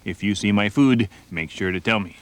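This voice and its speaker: A man's voice: fairly low pitch, normal speed, very noisy. A man hosting a nature show from a lakeside campsite, chatting playfully and straight to the viewer. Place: outdoors at a campsite by a lake.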